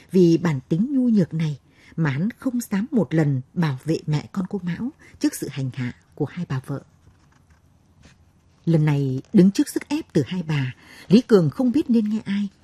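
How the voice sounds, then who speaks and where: Woman audiobook narrator, dark, husky voice, dry close mic. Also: fairly low pitch, dry recording. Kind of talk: scripted narration of a novel.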